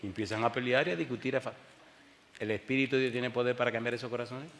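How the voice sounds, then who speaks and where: A male pastor preaching a sermon, firing rhetorical questions at his congregation and swinging between booming emphasis and hushed storytelling. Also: steady tone, fast talker, slight background noise. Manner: rhetorical call-and-response questions. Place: church sanctuary during a televised service. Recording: long hall reverb.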